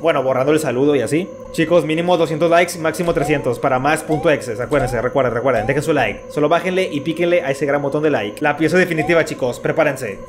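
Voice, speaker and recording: A man's voice: on the high side, fast, few pauses, background noise. A young man giving jumpy, panicky let's-play commentary to his viewers. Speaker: gaming YouTuber. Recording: music playing behind.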